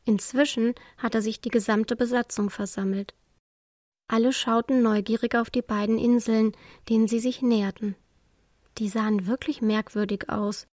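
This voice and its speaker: A woman narrating a children's storybook in a calm, expressive way. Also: a little high, moderate pace, dry recording, clean studio sound.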